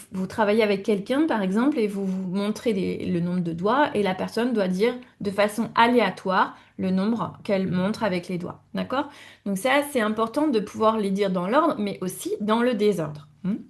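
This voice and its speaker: A woman's voice: medium pitch, normal speed. A woman teaching German numbers to French speakers in a video lesson, patiently addressing the viewer and repeating each word with small hesitations. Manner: addresses viewers directly, frequent hesitation fillers.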